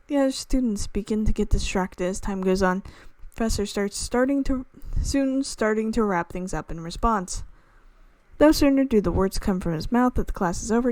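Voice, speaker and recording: A woman who hosts a gaming channel reads a visual novel aloud in a medium-pitched voice with no echo. She playfully trips over words and drifts into casual asides.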